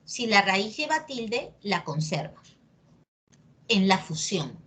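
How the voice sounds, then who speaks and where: Slow, patient Peruvian woman teacher. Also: mid-range voice, big pitch swings, fairly bright tone. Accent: Peruvian Spanish. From Peru. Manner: patient, checks in with listeners often; repeats key words slowly for emphasis. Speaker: pre-university Spanish teacher. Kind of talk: classroom lesson on accent marks.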